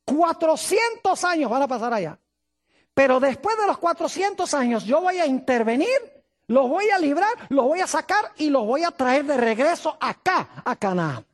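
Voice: sits high, very animated, normal speed, voice pushed up. A preacher voicing God, solemn and assuring.

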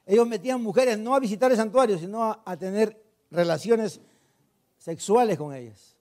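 High-voiced man preaching a sermon. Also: normal speed. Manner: asks the congregation questions and answers them himself; retells scripture with emphatic, animated delivery. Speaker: pastor.

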